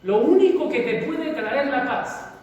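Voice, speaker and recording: A pastor delivers a fervent sermon, leaning hard on each stretched-out phrase. His voice sits unusually high for a man, and he preaches at a slow pace. The sound is distant and booms around a large reverberant hall. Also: lively intonation, a little mellow, dull audio. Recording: echoey hall from far off.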